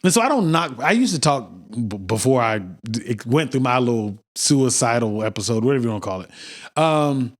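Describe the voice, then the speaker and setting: A man's voice: medium pitch, sing-song, brisk. A man co-hosting a podcast in casual chat, blunt, joking and often profane. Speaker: podcast co-host.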